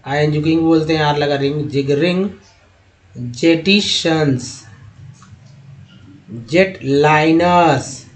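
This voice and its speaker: A man giving a slide-based reading lesson, spelling words letter by letter, then sounding them out slowly and talking to viewers as friends. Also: a little high. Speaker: English teacher.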